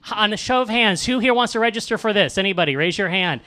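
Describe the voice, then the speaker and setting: A man's voice: sits high, expressive, quick pace, pushed and bright. A man hosting a live comedy roast on a club stage, joking with the crowd and reading emails in mock voices. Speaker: comedian host. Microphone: handheld mic.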